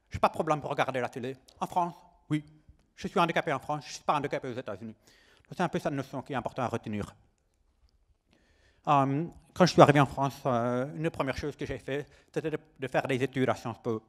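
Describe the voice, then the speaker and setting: A deaf man with an American English accent in his French, presenting to an audience with slow, careful, halting articulation. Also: medium pitch. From California, United States. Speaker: start-up presenter.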